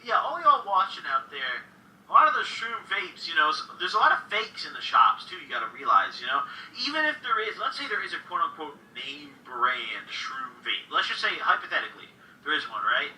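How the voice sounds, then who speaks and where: A man hosting a casual call-in livestream, laid-back, swearing freely and laughing loudly. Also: fairly high pitch, big pitch swings, brisk, roomy sound, far from the mic, slight background noise, low-quality recording.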